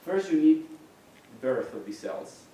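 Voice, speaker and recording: A middle-aged Mexican man, a native Spanish speaker, gives a university lecture in a very echoey hall, explaining things and frequently restarting his sentences. His voice is a little high with big pitch swings, a slow pace and a dark tone. The distant mic picks up slight background noise.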